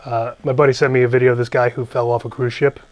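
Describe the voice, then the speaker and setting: A man's voice: mid-range voice, little pitch movement, fast talker, darkish tone. A man chatting on a podcast who laughs often and retells funny videos, doing the voices of the people in them. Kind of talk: casual podcast chat.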